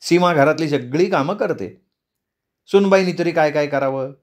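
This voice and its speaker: A man's voice: a little high, moderate pace, close to an everyday voice. A man voicing a restless, fussy old grandmother in a read-aloud story, motherly and pleading.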